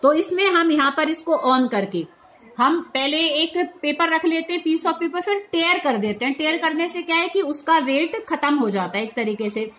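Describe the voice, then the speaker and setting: A woman's voice: sits high, expressive, normal speed, a bit bright. A woman chemistry teacher giving a hands-on lab demonstration, patiently walking students through each step and checking they follow. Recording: roomy echo.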